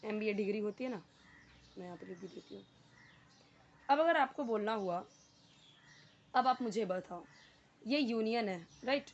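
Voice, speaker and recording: A woman's voice: medium pitch, animated, normal speed, pauses often, slight background noise. A woman English teacher, patiently explaining grammar step by step, repeating words and asking the viewer questions. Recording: dull lo-fi sound.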